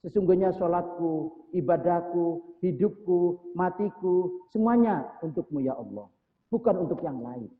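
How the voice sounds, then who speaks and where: A man's voice: sits high, animated, measured pace. Preacher, man, mosque sermon; chants prayer lines then explains them; thin phone-like sound. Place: mosque hall. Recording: echoey mosque hall over tinny phone-like sound.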